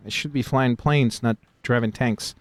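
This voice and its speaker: A man hosting a stream, commenting on his game in an excitable, joking way. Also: mid-range voice, normal speed, no room sound. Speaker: host playing a game on stream. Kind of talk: casual chat.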